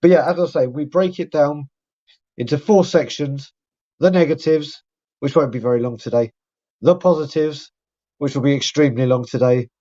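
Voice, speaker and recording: A man with a high-side voice hosts a live fan podcast at a moderate pace, chatting and rambling through shout-outs. His voice is croaky, and the audio is dull and lo-fi.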